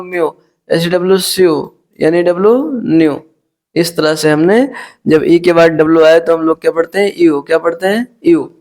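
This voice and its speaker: A man teaching English pronunciation rules in Hindi, spelling words letter by letter and repeating each word as he addresses viewers as friends. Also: on the high side. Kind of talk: spoken phonics lesson.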